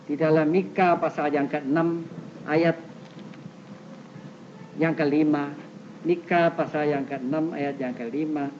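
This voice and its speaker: An older man preaching a sermon as pastor, questioning the congregation directly and swinging between loud high exclamations and soft low asides. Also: steady tone, slow, pauses often. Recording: muffled old tape recording with faint hiss.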